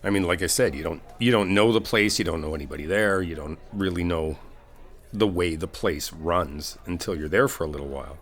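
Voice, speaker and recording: In a casual ASMR comfort roleplay, a man with a low, natural voice and a brisk pace plays an easygoing, supportive best friend offering a pep talk. The audio roleplay performer addresses a single listener conversationally, reassuring and explaining, with hesitant rephrasing.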